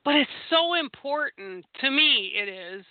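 A woman's voice: sits high, expressive, measured pace, dry recording. A woman hosting a podcast, chatting in an enthusiastic, meandering way with lots of fillers. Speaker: podcast host. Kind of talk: casual interview chat. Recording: dry, phone-like call audio.

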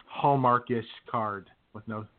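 Speaking slowly in a steady, medium-pitched voice, this comedy podcast co-host banters casually with a relaxed, drawling manner. His sound comes through thin and phone-like.

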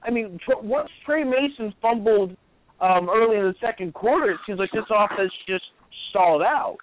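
A man's voice: high voice, expressive, moderate pace, a little hiss or hum. A man co-hosting a sports talk show, easygoing and analytical with plenty of uhs and ums. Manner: easygoing, analytical, uses fillers like uh and um. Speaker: co-host. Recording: tinny phone-like line, dry.

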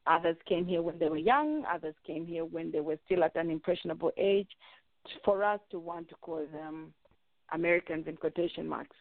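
A middle-aged woman hosts a roundtable discussion in a measured, halting way over the phone. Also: lowish voice, dry recording. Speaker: radio host. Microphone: phone call. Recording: tinny phone line.

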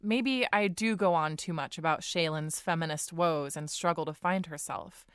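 A woman's voice: deep voice, normal speed, smooth, no echo, studio quality, lightly acted. An actress playing a thick-skinned, plain-spoken woman writer who talks earnestly.

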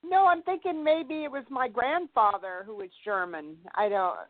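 A woman caller with a fairly high voice answers hesitantly and often trails off unsure. She is heard over a dry, tinny phone line. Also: normal speed, no echo. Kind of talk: phone call to radio show.

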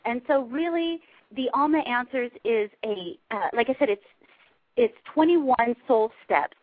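A woman's voice: on the high side, animated, a little slow, dry recording. Chatty woman on a phone line. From Southern California. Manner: chatty, laughing, explaining. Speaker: guest, life coach. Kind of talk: casual radio interview.

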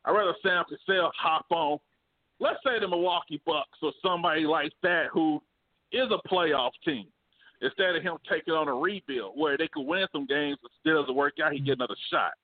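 A man co-hosting a podcast, arguing sports in an animated, joking way with bursts of laughter. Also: a little high, normal speed. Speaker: podcast co-host. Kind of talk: casual sports debate. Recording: phone-like narrow band.

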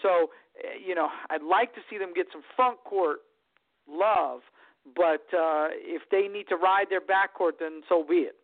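A man's voice: high voice, a little slow. A man talking basketball on a call-in line that keeps breaking up, blunt and matter-of-fact. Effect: phone line breaking up. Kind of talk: casual sports talk. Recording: tinny phone line breaking up.

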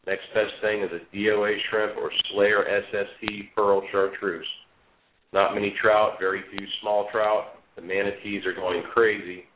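Calling in on a tinny, echoey speakerphone with slight background noise, this fishing-show co-host talks in a lowish, flat voice at a moderate pace. It's easygoing fishing chat plus a report read aloud, peppered with fillers and restarts.

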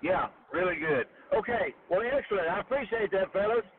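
A man's voice: sits high, expressive, brisk, slight background noise. A man calling in over a conference phone line, polite and chatty. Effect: heard over a conference phone line. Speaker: caller. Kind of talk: casual phone call talk. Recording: tinny phone line with crowd behind.

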